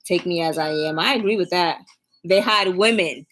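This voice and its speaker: A woman's voice: lowish voice, moderate pace, a bit bright, a little hiss or hum. Giggly New York woman podcaster. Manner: candid, giggly, trailing off with ums. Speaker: podcast co-host. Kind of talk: casual chat.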